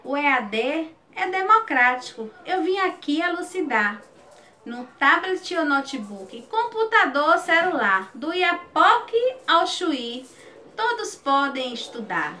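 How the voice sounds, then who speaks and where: Young woman teacher, high and slow, clear explanations, sing-song verse recitation. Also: very animated, bright, forceful tone. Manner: explains slowly, then recites rhymed verse with a lilting rise. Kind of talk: recorded video lesson with recited verse.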